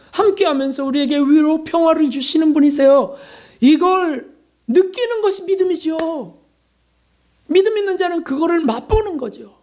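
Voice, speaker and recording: Male pastor, warm dark voice, chatty sermon delivery that slips into acted prayers. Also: extremely high pitch. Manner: conversational preaching with rhetorical questions; acts out short prayers and dialogues.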